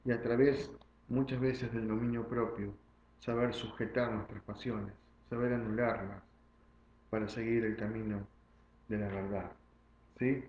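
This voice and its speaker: A man's voice: on the low side, steady tone, a little slow, reverberant, lo-fi sound, slight background noise. A man preaching a sermon as pastor, stressing and repeating key phrases and often checking in with the congregation. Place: church sanctuary.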